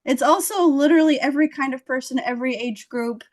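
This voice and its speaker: A woman's voice: sits high, fast talker. A woman hosting a casual chat, talking enthusiastically and acting out little quotes as she gives advice. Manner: animated, enthusiastic, acts out quotes. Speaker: host.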